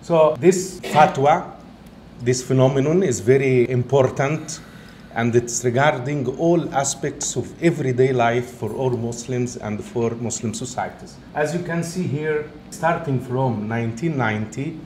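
A man with an Egyptian accent tinged with Italian, a native Arabic speaker, giving an academic lecture in halting English. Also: medium pitch, darkish tone. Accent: Egyptian, with some Italian. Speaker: guest speaker, professor. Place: indoor event room, talk being filmed. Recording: roomy echo, faint background noise.

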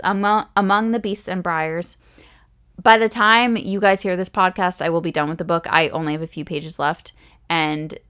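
A woman's voice: medium pitch, a bit bright. A young pregnant woman hosting a podcast, talking in a gushing, chatty way with frequent restarts and little laughs. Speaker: podcast host. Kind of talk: casual solo podcast talk.

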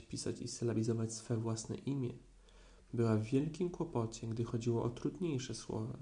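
A man reading a children's story aloud in a calm, measured way. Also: medium pitch. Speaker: audiobook narrator. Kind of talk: storybook narration.

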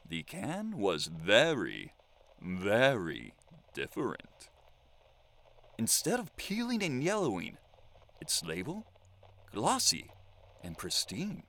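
A man's voice: mid-range voice, fairly bright tone, heavily acted. A man playing an eccentric, theatrical lone radio host. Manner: theatrical, flowery, mock-formal. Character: eccentric lonely male survivor hosting a radio show. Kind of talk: audio drama monologue.

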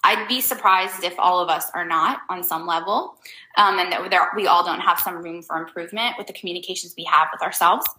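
A woman's voice: on the low side, a little fast, pushed and bright, roomy sound, rough recording. A woman hosting a casual advice talk for her viewers. She rambles loosely, leans hard on fillers like "um" and "like", and makes blunt, emphatic points. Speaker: host giving life advice.

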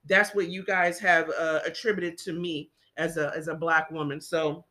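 A woman's voice: sits low, flat delivery, moderate pace, pushed and bright. A woman talking earnestly in a casual discussion, circling her point with frequent restarts and fillers. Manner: earnest, rambling with many restarts.

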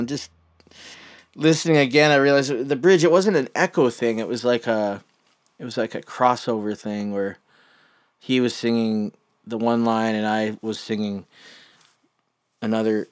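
Casual male music host, western Canadian accent, unhurried and halting, with a smooth, clear tone. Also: medium pitch. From Chilliwack, British Columbia, Canada. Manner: rambling, halting, trailing off. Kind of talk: casual music show commentary.

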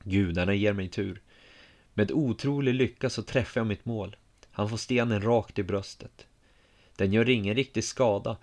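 A man telling a first-person story in a calm, measured, quiet way. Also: fairly low pitch.

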